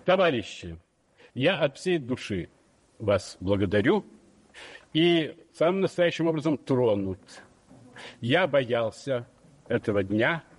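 A man of sixty giving a wry, gentle, measured speech at his own jubilee. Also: mid-range voice, sing-song, slight background noise. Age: 60s. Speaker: jubilee speaker. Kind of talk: formal public speech. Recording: old archive hall recording with reverb.

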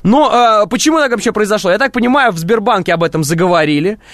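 A man's voice: high-pitched, expressive, fast, fairly bright tone, no room sound. A man hosting a live radio phone-in, presenting conversationally on a close studio microphone.

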